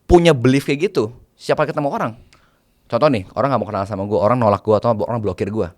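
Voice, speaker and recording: A man's voice: mid-range voice, quick pace, a little mellow. A man, a private banker, chatting casually as an interview guest, mixing in English phrases and laying out numbered tips.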